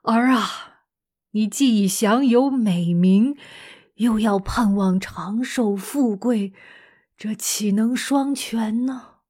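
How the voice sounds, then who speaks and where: Woman voicing a calm, steadfast old mother. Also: on the high side, husky. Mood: steady resolve. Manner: calm, firm, measured. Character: steadfast old mother consoling her condemned son.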